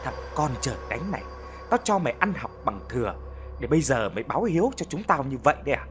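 A man voicing a sharp-tongued older village mother who berates her son in a shrill, rapid voice, in an audio story. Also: very animated, background noise, natural voice. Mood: scolding.

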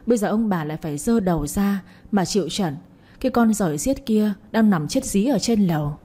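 A woman tells a family drama in a measured, moralizing tone. Her voice is mellow and warm with a slight husk. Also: mid-range voice, expressive, breathy edge. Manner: measured, commenting on events. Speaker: storyteller. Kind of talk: narrated moralizing story.

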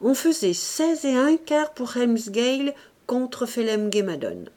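A woman narrating a classic novel as an audiobook in a deliberate, expressive reading. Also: on the high side.

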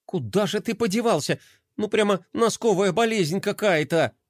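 A man putting on an exasperated young boy muttering and grumbling under his breath. His voice is raised and lively. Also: sits high, normal speed, dry recording, clean studio sound, voice pushed up. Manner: grumbling to himself. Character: frustrated young boy hunting a lost sock.

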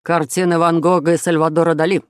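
A woman's voice: lowish voice, flat delivery, fast talker, dry recording, studio quality, close to an everyday voice. A woman reading as a bumbling, puzzled dad. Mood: insistent. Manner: puzzled and plain. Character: bumbling, easily confused father.

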